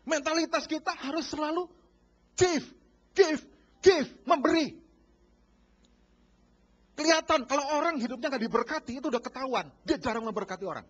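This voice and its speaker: A male pastor preaches a lively sermon, calling his congregation "saudara" and acting out bargaining dialogues in market scenes. His very high voice moves at a quick pace with few pauses, heard on a dull lo-fi church recording.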